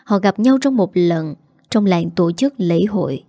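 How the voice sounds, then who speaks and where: A woman narrating a scripted story in a calm, steady way. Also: lowish voice, a little slow, dry recording.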